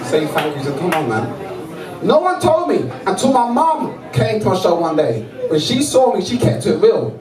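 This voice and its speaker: A man's voice: sits high, sing-song, moderate pace, few pauses, crowd noise. A man with a South London accent performing a conversational stand-up routine, full of slang and questions to the audience. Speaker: stand-up comedian. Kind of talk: live stand-up comedy routine. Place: live comedy stage before an audience. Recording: echoey live venue, distant mic, audience noise.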